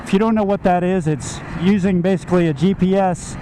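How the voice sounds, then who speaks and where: A man's voice: high voice, fairly even intonation, brisk. A middle-aged American man telling a rambling, casual personal story from inside a motorcycle helmet while riding. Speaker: motovlogger. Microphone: helmet microphone. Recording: helmet mic, loud engine and wind noise.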